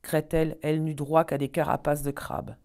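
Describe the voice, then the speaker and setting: A woman storyteller reading a fairy tale aloud in an expressive, measured way. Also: deep voice, creaky.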